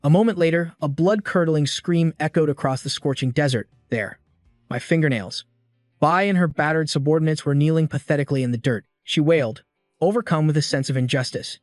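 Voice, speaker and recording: A man narrates a story recap in a steady, dramatic way, his voice sitting a bit high for a man. The sound is dry and close to the mic, with faint music playing under him. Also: fast, no room sound.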